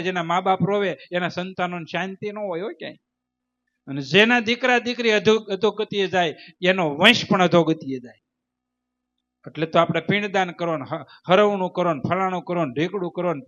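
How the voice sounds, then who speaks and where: Male spiritual teacher, high voice, emphatic rhythmic sermon, dull lo-fi sound. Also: moderate pace, a bit bright. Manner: emphatic, repetitive, rhythmic preaching. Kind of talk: devotional sermon with storytelling. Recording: dull lo-fi recording.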